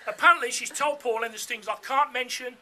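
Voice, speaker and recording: A man's voice: very high voice, brisk, pushed and bright. A middle-aged man giving an informal, jokey father of the bride speech full of anecdotes. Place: room full of wedding guests.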